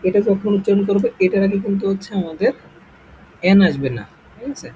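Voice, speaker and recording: A man with a Bengali accent teaching an English grammar lesson over a shared screen, explaining slowly and often checking with the viewers. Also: high voice, dark tone, a little hiss or hum, rough recording.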